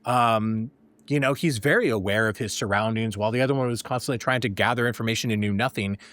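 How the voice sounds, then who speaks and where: A man narrating a tabletop game as game master, improvising in halting, searching descriptions. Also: on the low side, fairly bright tone.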